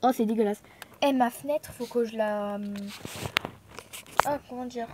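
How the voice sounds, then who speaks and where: Une jeune femme originaire de Thaïlande, bavarde et dispersée, pleine d'hésitations et d'excuses, filmée au téléphone dans son appartement. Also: female voice, fairly high pitch, moderate pace, very noisy. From Thailand. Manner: chatty, scattered, lots of fillers and apologies. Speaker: vlogger. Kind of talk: casual chat to camera. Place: apartment room at home. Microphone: phone held in hand.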